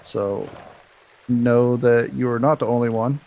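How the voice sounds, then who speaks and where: Gravelly and deep-voiced, this man chats casually with his stream audience while gaming, relaxed and candid between bits of play. His intonation stays fairly even and he takes his time. The close desk mic sounds muffled, with slight hiss or hum and game music running in the background.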